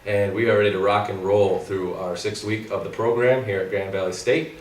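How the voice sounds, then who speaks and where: A young man with a cold, his nasal, stuffed-up voice low and fairly flat as he chats through his school week. He sits some distance from the mic in a roomy space, with a faint hiss behind him. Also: a little fast. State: congested, scratchy throat from a cold. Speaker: co-host, physical therapy student. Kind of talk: casual study recap.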